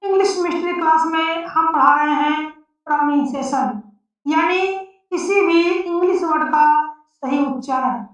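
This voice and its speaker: A woman teaching an English pronunciation lesson, spelling out letters slowly and repeating each word. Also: extremely high pitch. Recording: echoey, distant, dull lo-fi sound.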